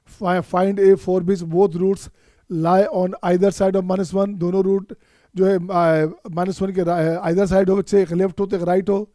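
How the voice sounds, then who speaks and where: Coaxing Indian math teacher, warm voice. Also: male voice, high voice, no room sound, clean studio sound. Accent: Indian English. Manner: coaxing, repetitive, addresses students as children. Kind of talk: online exam-prep lecture.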